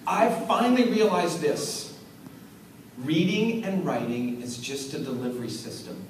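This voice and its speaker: Guy talking to a school assembly, high voice, big booming hall, picked up from far off. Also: measured pace. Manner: animated storyteller, acts out voices and hums riffs. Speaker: author speaking to schoolchildren. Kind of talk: lively school assembly talk. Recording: echoey hall from far off, noisy.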